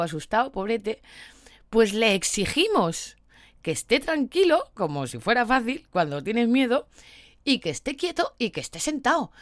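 A woman's voice: on the high side, dry recording, studio quality. A woman with a Spain Spanish accent, a dog trainer explaining her views to followers in an empathetic, persuasive way.

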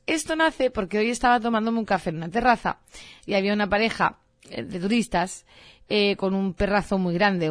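A woman's voice: medium pitch, no room sound. Chatty self-mocking woman, dry sound. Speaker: dog trainer. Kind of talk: casual monologue.

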